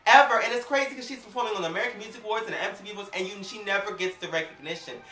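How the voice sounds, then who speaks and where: A woman casually reviewing an awards show in a sassy, animated, gossipy way, acting out quotes as she talks. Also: mid-range voice, racing, far from the mic. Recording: roomy, off-mic home recording.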